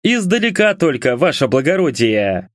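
A man's voice: fairly high pitch, sing-song, moderate pace, no echo, clean studio sound. A man voicing a frightened loutish male peasant brawler who whines and pleads. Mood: whining. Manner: whining, pleading.

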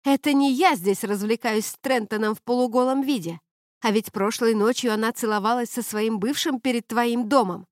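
A woman reading an audiobook, voicing an angry drunk young man who blusters and swears loudly. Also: fairly high pitch, moderate pace, no echo, clean studio sound, lightly acted.

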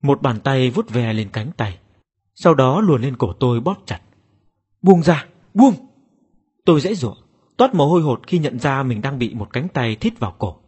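A man's voice: mid-range voice, breathy edge. A man narrating a first-person horror story in a dramatic, suspenseful way. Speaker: audiobook narrator.

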